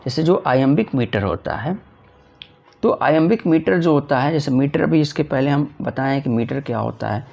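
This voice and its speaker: A male teacher runs an exam-prep lesson in a gravelly, somewhat high voice. He keeps repeating himself, posing little questions and then answering them, and slows right down whenever he reads an English line. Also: expressive, darkish tone, highs cut off. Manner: repetitive, asks and answers his own questions; reads English lines slowly then explains in Hindi.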